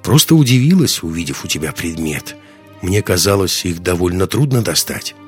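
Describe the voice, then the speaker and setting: A man reading an audiobook voices a sharp, probing teenage girl heroine who keeps teasing and questioning, in a raised voice. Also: low voice, expressive, moderate pace, soft background music.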